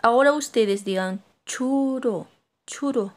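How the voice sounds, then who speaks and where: Slow, deliberate woman teaching language. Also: mid-range voice, a little mellow. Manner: slow, repeating words for learners to echo. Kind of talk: language lesson.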